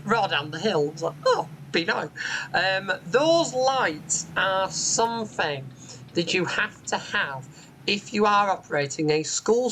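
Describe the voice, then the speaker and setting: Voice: medium pitch, fairly bright tone, slight background noise, low-quality recording. A bus simulator channel host giving casual gameplay commentary from home, chatty and explanatory, with frequent "um" fillers. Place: home room with a window onto a street.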